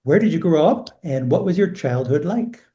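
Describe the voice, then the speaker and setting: A man conducting an oral history interview, asking gentle questions and giving brief listening replies. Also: on the high side, animated, moderate pace.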